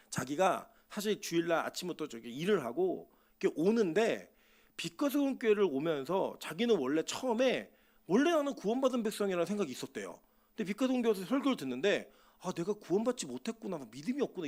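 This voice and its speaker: A male pastor preaches in a church with a high, lively voice that swings widely in pitch. He speaks animatedly, firing rhetorical questions at his congregation and acting out little quotes as he goes. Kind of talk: sermon. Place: church sanctuary.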